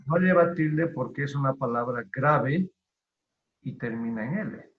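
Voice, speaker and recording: Slow-spoken male teacher on a call. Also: mid-range voice, roomy sound. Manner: slow, deliberate explaining with pauses. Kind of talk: online class lecture on spelling. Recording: tinny phone-like online call audio.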